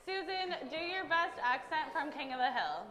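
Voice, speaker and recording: A woman hosting a live comedy show, chatting in a halting, rambling way full of fillers. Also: sits high, animated. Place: bar lounge with live audience. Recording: echoey room, loud crowd.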